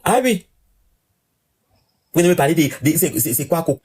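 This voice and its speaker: A man hosting a casual live stream, talking to his viewers in an animated rant with lots of repetition. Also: a little high, slightly rough. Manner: rapid, animated ranting with repeated phrases.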